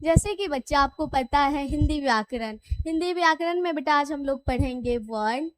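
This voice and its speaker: A woman's voice: high voice, normal speed, dry recording. A woman teaching grammar to young children, asking questions and answering them herself, with English words mixed into her Hindi and a Bihari Hindi accent. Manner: asks questions and answers them herself, calls listeners "beta" and "bachcha". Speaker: primary school Hindi teacher. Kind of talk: classroom lesson.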